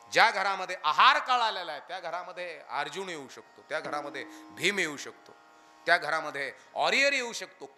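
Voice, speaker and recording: A man preaching a devotional kirtan sermon, animated and firing questions at his listeners, now and then chanting lines of verse. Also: a little high, slight background noise. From Maharashtra, India.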